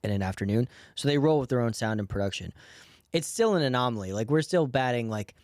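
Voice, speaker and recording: Lively-voiced man telling comedy tour stories. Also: mid-range voice, fast talker, no echo, studio quality. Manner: animated storytelling, laughs often. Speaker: podcast co-host, stand-up comedian. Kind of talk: casual chat.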